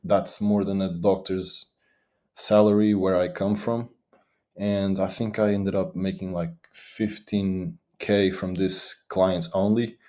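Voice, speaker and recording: Eager young male guest from Portugal, deep mellow voice, speaks quickly. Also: level tone. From Portugal, Madeira. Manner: eager, talks fast with restarts. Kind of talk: interview answers.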